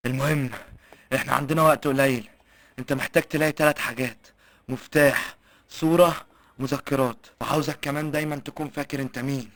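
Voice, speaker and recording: A man voicing a gruff male guide in a horror game, who gives rough, hurried instructions in an Egyptian accent. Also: medium pitch, steady tone, a bit bright, close to an everyday voice. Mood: urgent. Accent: Egyptian Arabic. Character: gruff urgent male guide warning the player.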